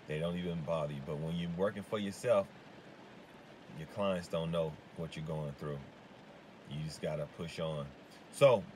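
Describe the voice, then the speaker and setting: Guy with a real low voice, lawn care owner talking to the camera, lots of ums and restarts. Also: darkish tone, slight background noise. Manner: halting, full of fillers and restarts. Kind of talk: casual advice vlog.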